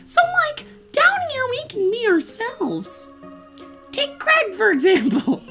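A woman voicing a friendly, laid-back male sunflower bard for a game, in a bright, cheery, slangy manner. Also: very high-pitched, huge pitch swings, slow, faint music behind, full character voice. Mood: cheery, proud. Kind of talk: playful game dialogue read-aloud.

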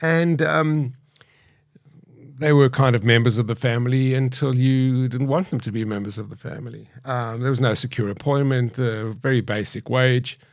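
A man in his late fifties with a mild South African accent, a podcast guest recalling his past in a measured, reflective way with frequent hesitations, recorded on a studio mic. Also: medium pitch, steady tone, no room sound. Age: 50s. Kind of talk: candid interview storytelling. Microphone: studio boom mic.

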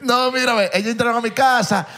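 A man's voice: very high voice, fairly even intonation, fairly quick, pushed and bright. A man, a comedian guest on a podcast, telling a story in emphatic, repetitive bursts in casual chat.

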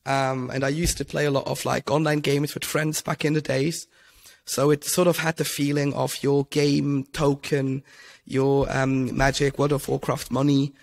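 Young Swiss man, gravelly voice, rambling. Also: mid-range voice, level tone, moderate pace. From Switzerland. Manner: rambling, many ums and restarts. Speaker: podcast guest. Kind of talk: casual interview talk. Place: home room, indoors. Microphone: headset with mic.

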